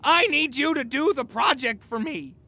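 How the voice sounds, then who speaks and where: An actor playing a bratty, loud, syrup-obsessed young man in a comedy radio play, whiny and boastful. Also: very high-pitched, normal speed, full character voice. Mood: frantic.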